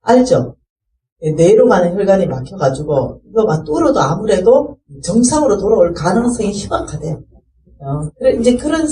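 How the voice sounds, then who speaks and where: Middle-aged woman, animated church testimony with a warm, dark tone; distant mic in a reverberant hall. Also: mid-range voice. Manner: lively storyteller, acts out voices, laughs as she speaks. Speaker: ministry staff speaker.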